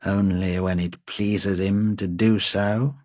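A man's voice: low voice, steady tone, takes it slowly, darkish tone, no room sound, studio quality. A man voicing a tense local woman who scolds sharply and anxiously.

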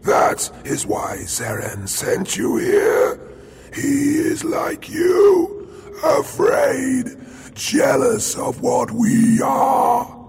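A man voicing a sinister adept merged with an alien hive, speaking in a slow, breathy, gravelly whisper that rises into cries. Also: very high voice, wildly swooping pitch, pitched above the performer's own voice, full character voice. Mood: fervent. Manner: slow, hissing, gloating, rising to cries. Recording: noisy background.

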